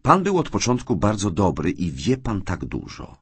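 A man reading an audiobook and voicing a shy, tearful young orphaned woman in a raised, soft voice. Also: on the low side, huge pitch swings, moderate pace, slightly rough, dry recording, voice pushed up, heavily acted. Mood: hesitant pleading.

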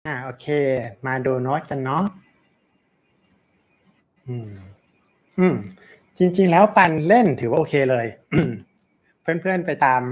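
A man coaching a saxophone student in an online lesson, relaxed and patient, with many fillers. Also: medium pitch. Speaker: saxophone teacher. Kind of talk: online music masterclass coaching.

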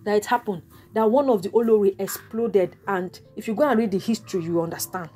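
A woman's voice: mid-range voice, fairly quick, mellow, breathy edge. A woman with a Nigerian accent hosting her own gossip vlog, retelling what others said in an emphatic, dramatic storytelling way with repeated asides and exclamations. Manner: bursts of exclamations and sound effects. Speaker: celebrity gossip vlogger.

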